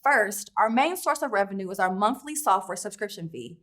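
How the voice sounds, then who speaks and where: A woman's voice: mid-range voice, animated, fairly quick, fairly bright tone. A woman speaking as a company founder in a scripted promotional interview, with a polished, upbeat sales delivery. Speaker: company founder pitching to investors.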